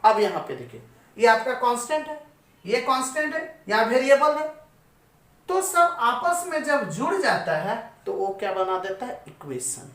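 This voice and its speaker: A woman teaches a classroom-style maths lesson, asking her students questions and then answering them herself. Her fairly high voice is very animated, at a normal speed. The room is echoey and she's positioned away from the mic.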